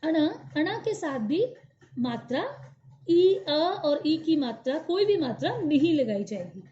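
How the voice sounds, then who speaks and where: A woman with a high, mellow voice teaches young children their letters slowly and patiently. She sounds out each syllable clearly so the class can repeat after her. The recording is dull and lo-fi. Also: sing-song. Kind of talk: slow Hindi alphabet lesson for young children.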